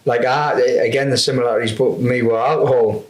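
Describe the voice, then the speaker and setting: A man hosting a podcast, talking haltingly and searching for his words. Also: medium pitch, little pitch movement. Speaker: podcast host. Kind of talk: casual conversation. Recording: echoey room.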